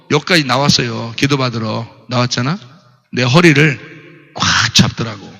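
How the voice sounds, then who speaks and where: Man, pastor, sermon, bright forceful voice, lively storytelling, echoing church hall. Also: medium pitch. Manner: animated storytelling, asks the audience questions.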